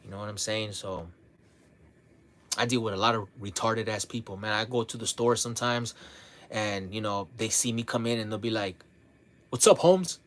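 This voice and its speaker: A man's voice: lowish voice, moderate pace. Laid-back cursing man on a livestream. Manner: relaxed, heavy on "man" and "bro", blunt with frequent cursing; repeats and restarts often. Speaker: livestream host. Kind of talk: casual livestream talk.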